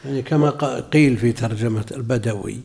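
A man's voice: medium pitch, quick pace, gravelly, darkish tone. A man, a religious scholar, comments on a text in a class, talking conversationally and asking rhetorical questions. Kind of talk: lecture commentary on a read text.

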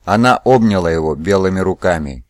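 Low-voiced male audiobook narrator. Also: no echo, studio quality. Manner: steady, measured storytelling.

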